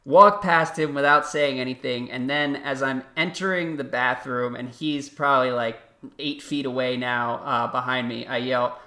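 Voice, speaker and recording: Young male podcast co-host, bright and forceful, casual and self-mocking. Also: medium pitch, steady tone, moderate pace. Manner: self-deprecating storyteller, laughs often.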